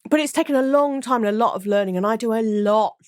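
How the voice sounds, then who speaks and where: A woman's voice: on the high side, quick pace, darkish tone, no room sound, studio quality. A middle-aged woman, hosting her own podcast and talking earnestly and expressively about what motivates her in business. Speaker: podcast host and business coach. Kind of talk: heartfelt solo podcast monologue.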